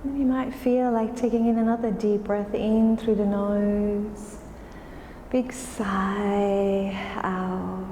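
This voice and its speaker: Slow, mellow woman guiding yoga. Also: on the high side. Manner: calm, soothing, unhurried. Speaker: yoga instructor. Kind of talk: guided yoga class instruction. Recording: roomy, reverberant space with faint noise.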